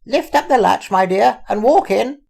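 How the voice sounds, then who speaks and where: An older man voicing an old grandmother calling out loudly in a storybook reading, in a shrill voice. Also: expressive, moderate pace, vocal fry, full character voice.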